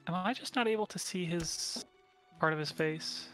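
A man's voice: high voice, normal speed, fairly bright tone, faint music behind. A man casually chatting along with a friend's gameplay, easygoing with short reactions. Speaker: co-host.

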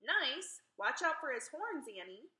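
A woman's voice: high-pitched, big pitch swings, a little slow, sharp tone, echoey room, pitched above the performer's own voice, heavily acted. A woman reading aloud and voicing a cautious, worried young boy in a storybook.

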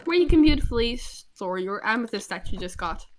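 A woman's voice: on the high side, lively intonation, a little fast, slight background noise. A young woman playing a multiplayer game with a friend, chatty and bubbly as she walks through their base. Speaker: co-player. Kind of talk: casual gameplay commentary.

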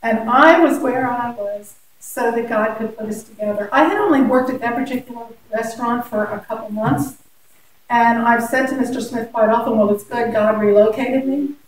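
A woman's voice: fairly high pitch, normal speed. A woman in her sixties from Pennsylvania, a school program director and church organist, telling her story in an earnest, devout way. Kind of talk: casual interview. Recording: echoey, from far off, faint noise.

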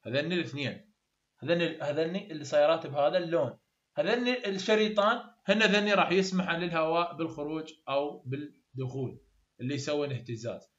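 Tutor, male, Iraqi Arabic accent, patient step-by-step explainer, fairly high voice, roomy lo-fi recording. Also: brisk, fairly bright tone. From Iraq. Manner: explains step by step, repeats terms for learners. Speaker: English phonetics tutor. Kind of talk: recorded online lecture. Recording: echoey room, dull lo-fi sound.

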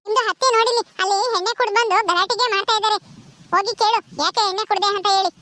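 A woman playing a nosy village neighbour who fusses and exclaims with quick questions in a comedy skit. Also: extremely high pitch, fairly even intonation, pushed and bright, a little hiss or hum. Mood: urging.

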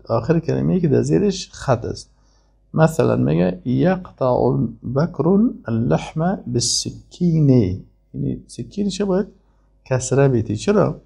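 A man teaching an Arabic grammar lesson. He reads Arabic sentences slowly and then explains them. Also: medium pitch, creaky, mellow, slightly rough. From Afghanistan.

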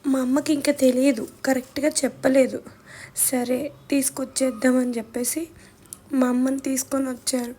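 A woman's voice: high voice, level tone, moderate pace, dark tone. A young woman vlogger telling a personal family story with emotion, acting out what her relatives said. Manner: emotional retelling, acts out family members' words.

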